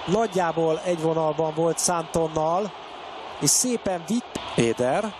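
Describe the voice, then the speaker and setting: A man with a Hungarian accent giving excited live football commentary that bursts into shouts, as a match commentator. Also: on the high side. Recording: clear outdoor stadium noise behind. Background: stadium ambience.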